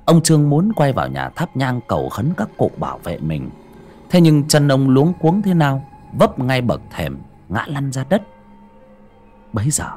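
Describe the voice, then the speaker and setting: A man narrating a horror audiobook with dramatic, suspenseful delivery. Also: a little mellow. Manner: dramatic, swinging pitch for suspense. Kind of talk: scripted horror story narration.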